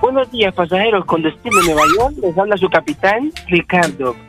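A man's voice: high voice, animated, brisk, music in the background. A radio host jokingly voicing a male airline captain making a cabin announcement, in a mock-formal announcer delivery.

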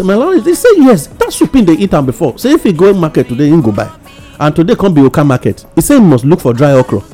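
A man's voice: fairly high pitch, mellow. A man with a Nigerian accent explaining things casually in Nigerian Pidgin as a radio guest. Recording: music bed under the voice.

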